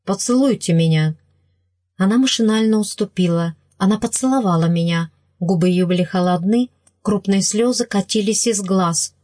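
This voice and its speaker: A woman's voice: mid-range voice, moderate pace, darkish tone, no room sound, clean studio sound. Woman reading a novel aloud. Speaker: audiobook reader. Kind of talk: scripted narration.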